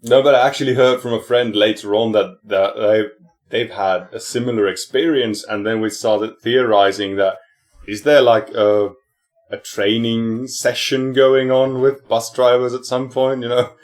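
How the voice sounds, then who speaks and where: A man with a Finnish accent co-hosts a casual podcast, spinning rambling stories and laughing often. He speaks at a moderate pace in a steady, medium-pitched voice.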